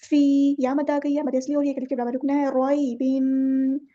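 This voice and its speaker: High-voiced woman teaching recitation, slow drawn-out words. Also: level tone, mellow, dull audio. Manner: explains slowly, then recites words drawn out. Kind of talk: tajweed lesson.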